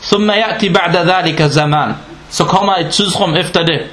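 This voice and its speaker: High-pitched guy preaching, quizzing the crowd, sounds roomy and echoey. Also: fairly bright tone. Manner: explains Danish, quotes Arabic scripture fast, asks the listeners questions. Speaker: Islamic preacher. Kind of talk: religious lecture.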